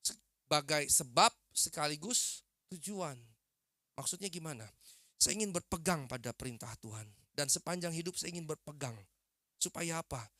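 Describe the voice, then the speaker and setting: Brief: male pastor, bright forceful voice, slightly high, dry close recording, preaches with emphatic repetition. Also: lively intonation, fairly quick, no room sound. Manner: emphatic preaching with repeated phrases and questions to the congregation. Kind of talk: sermon.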